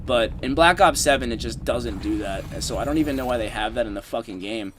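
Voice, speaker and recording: A young man with the hiccups gives loose, rambling commentary over a game for his YouTube channel, swearing a lot and leaning on "um" and "like." His medium-pitched voice is expressive and fast, with background noise behind it.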